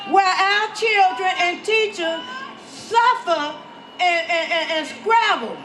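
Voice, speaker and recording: An older woman giving an impassioned protest speech, declamatory, with halting repetitions. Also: very high voice, bright, forceful tone. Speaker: activist speaking at a rally. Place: outdoor city rally. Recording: echoey outdoor PA with crowd noise.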